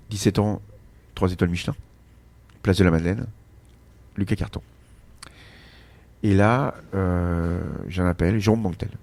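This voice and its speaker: A middle-aged man from France, a chef telling anecdotes in a relaxed interview, with frequent restarts and fillers. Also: sits low. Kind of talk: casual interview storytelling.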